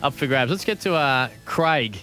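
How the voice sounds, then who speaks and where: A man's voice: mid-range voice, animated, moderate pace, pushed and bright, faint music behind. An Australian man hosting a sports talk radio show, upbeat as he reads out promos and phone numbers. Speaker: radio host.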